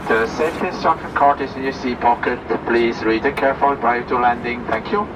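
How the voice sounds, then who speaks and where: A man on the cabin crew reading a formal, measured safety announcement over the cabin loudspeaker. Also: medium pitch. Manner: measured, formal, read from script. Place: aircraft cabin in flight. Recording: muffled, distant, engine noise. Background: steady jet engine hum.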